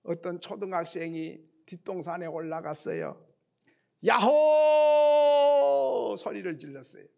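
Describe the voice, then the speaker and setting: A man's voice: high voice, animated, unhurried, gravelly. A man preaching a sermon, telling a story and acting out its voices. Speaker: pastor.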